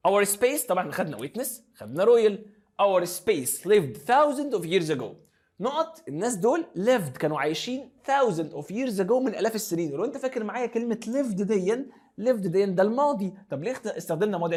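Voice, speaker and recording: Fast-talking Egyptian teacher drilling vocabulary. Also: male voice, sits high, darkish tone, breathy edge. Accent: Egyptian Arabic. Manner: drills pronunciation, mixing Arabic and English. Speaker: English teacher. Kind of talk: classroom lesson explanation.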